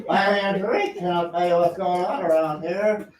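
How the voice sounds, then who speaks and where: An actor playing a chummy, wheedling town drunk who cadges drinks at a bar in a comic stage show. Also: male voice, high-pitched, normal speed, natural voice. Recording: echoey, distant, noisy stage recording.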